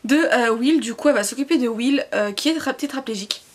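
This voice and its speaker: A young woman reviewing books in a casual vlog, rambling and hesitant, full of fillers and self-corrections, and quick to poke fun at herself. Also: fairly high pitch. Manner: self-deprecating, laughs at herself. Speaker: book vlogger.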